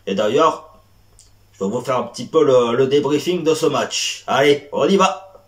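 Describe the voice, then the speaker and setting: A man's voice: mid-range voice, animated, moderate pace, reverberant, distant mic. A man hosting a casual football debrief vlog, hesitant and full of fillers.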